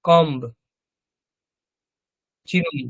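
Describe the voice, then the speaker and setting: A male teacher with a Bengali accent, giving a slow vocabulary lesson and repeating each word carefully. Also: fairly high pitch, steady tone, fairly bright tone. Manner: repeats each word slowly, explains pronunciation. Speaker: Sanskrit teacher. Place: language school classroom.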